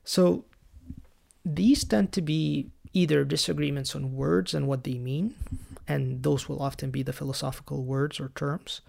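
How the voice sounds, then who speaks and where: A man hosting a solo teaching podcast, explaining church history in a calm, lightly wry way. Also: fairly high pitch, a little slow. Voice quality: gravelly. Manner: raised in the Coptic Orthodox Church. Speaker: podcast host.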